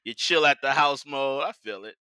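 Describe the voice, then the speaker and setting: Bright, punchy American male podcast host. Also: mid-range voice, normal speed, clear, resonant tone, no echo. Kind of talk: casual chat.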